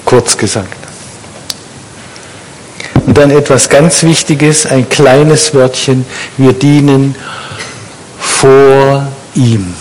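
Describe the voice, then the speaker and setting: A man's voice: medium pitch, fairly even intonation, slow pace, long pauses, a little mellow, a little hiss or hum, poor audio. A man preaching a sermon in a conversational way, putting questions to his congregation.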